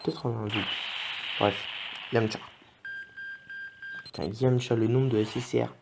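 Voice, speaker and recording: A man giving live commentary on his game pulls in an excitable, joking way, often swearing and talking straight to his viewers. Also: mid-range voice, unhurried. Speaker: gaming video host. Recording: clear background noise.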